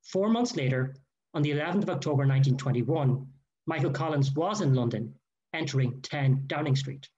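A man giving a formal, measured history lecture read from a prepared text. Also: on the high side, darkish tone. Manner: measured, careful delivery with quoted sources. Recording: dull lo-fi recording.

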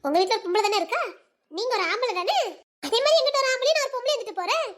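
A woman's voice: very high-pitched, lively intonation, rapid-fire, fairly bright tone. A woman playing a hurt young village wife who speaks sharply and bitterly to her husband. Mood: reproachful. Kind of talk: audio drama acting.

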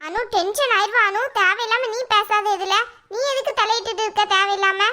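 A woman voicing a defensive, quick-tempered young wife in a cartoon, pleading her case in a Tirunelveli Tamil accent. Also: very high voice, steady tone, sharp tone. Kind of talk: cartoon voice acting.

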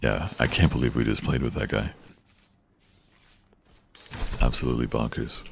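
Deep growly gamer guy, gravelly low voice, casual banter. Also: fairly even intonation, fast talker, a little hiss or hum. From Los Angeles. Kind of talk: casual game chat.

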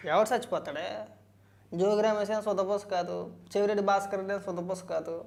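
Fast-talking argumentative male commentator. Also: high-pitched, fairly even intonation, vocal fry, darkish tone. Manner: argumentative, rhetorical questions. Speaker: political commentator. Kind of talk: political commentary.

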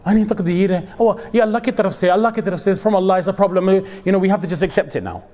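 A man's voice: sits high, expressive, rapid-fire, dark tone, pitched above the performer's own voice. A man voicing a self-serving older mother-in-law in an exaggerated, sing-song way. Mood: pious excuse.

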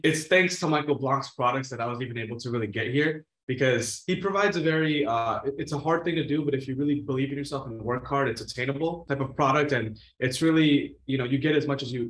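A twenty-one-year-old real estate investor appears as a guest on a video call interview, talking casually with frequent restarts and many "you know"s. His voice is medium-pitched and fairly bright. He's in a room at home against a plain wall, picked up by a webcam mic with roomy echo.

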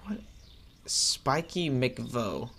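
A man giving excitable let's play commentary, chattering at the creatures on screen as he plays. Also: mid-range voice, extremely slow. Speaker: gaming channel host.

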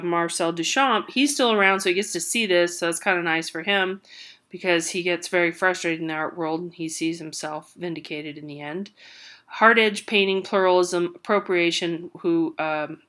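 A woman's voice: lowish voice, fairly bright tone. A woman giving a recorded art history lecture with hiccups, talking loosely with many fillers and restarts.

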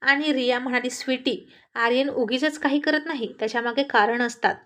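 A woman with a high, steady, fairly bright voice narrates a college love story a little quickly, like a storybook with acted dialogue. She reads every character's lines herself, all in the same voice.

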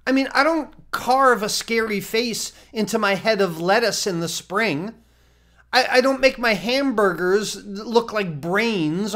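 Middle-aged male cooking instructor, animated and direct, to-camera from his home office. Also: high-pitched. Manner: animated, talks straight to camera with exclamations. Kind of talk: enthusiastic online cooking lesson. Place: home office with framed certificates, indoors.

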